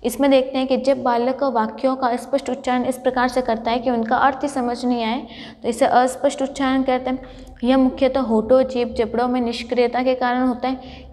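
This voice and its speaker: A woman's voice: a little high, darkish tone, big-room sound. A woman college lecturer giving a classroom lecture, explaining step by step and answering her own questions.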